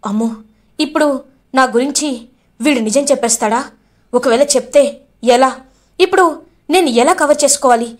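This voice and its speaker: A woman's voice: high voice, moderate pace, long pauses, close to an everyday voice. A woman voicing a scheming man who sneakily defends himself and demands proof. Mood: worried. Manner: defensive, sly. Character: scheming man, smooth-talking villain.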